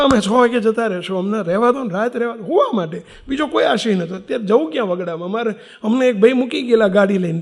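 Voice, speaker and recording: A man's voice: high voice, creaky. An older man, a monk, preaching a sermon and telling a story, acting out the voices of the people in it. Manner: animated storytelling, acts out quoted voices.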